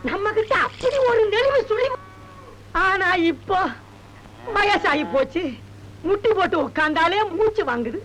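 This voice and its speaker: A man's voice: very high voice, animated, unhurried, pauses often, a bit bright, exaggerated voice, low-quality recording. An old village father, tearful. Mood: rambling. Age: older. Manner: pleading, tearful lament. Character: aging village father pining for runaway son. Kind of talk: film drama acting. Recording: film soundtrack with music behind.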